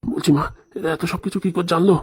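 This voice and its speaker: A voice actor playing a scheming old village grandfather in a cartoon, talking in a hurried, conspiratorial way. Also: mid-range voice, fairly even intonation, darkish tone, breathy edge. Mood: suspicious. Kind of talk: cartoon voice acting.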